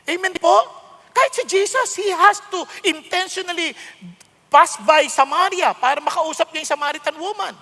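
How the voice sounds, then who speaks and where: A man in his sixties with a Filipino accent preaching a sermon, mixing Tagalog and English in an emphatic, conversational way with sudden loud outbursts. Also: extremely high pitch, creaky. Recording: long hall reverb.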